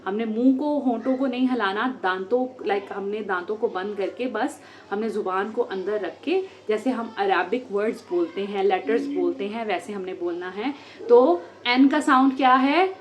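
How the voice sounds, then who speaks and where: A woman giving a phonics lesson at home, sounding out letters slowly and with care. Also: medium pitch. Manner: slow, drawn-out sounding of letters. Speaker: homeschool teacher.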